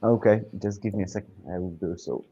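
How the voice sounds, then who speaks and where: A man's voice: on the low side, steady tone, fast talker, dark tone, slightly rough. A man hosting a casual online group chat, his voice muffled as if heard through a wall by a poorly set clip-on mic, speaking hesitantly with filler uhs. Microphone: wireless clip-on mic.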